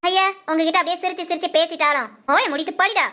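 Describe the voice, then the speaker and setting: A woman playing a sharp-tongued young mother who nags and scolds her family in a short drama. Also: very high voice, steady tone, fast talker. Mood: complaining. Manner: nagging, cutting scolds.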